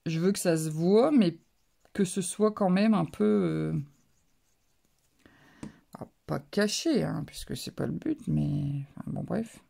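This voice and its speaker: A woman's voice: fairly low pitch, slow, creaky, pauses often, mellow. A woman narrating a card-making tutorial, describing each step as she works, with many little fillers and hesitations. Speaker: craft channel host.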